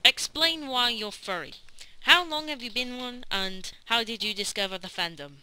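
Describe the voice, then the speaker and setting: A woman's voice: on the high side, moderate pace, pushed and bright, slight background noise, poor audio. A woman delivering scripted narration as the narrator and interviewer of a documentary.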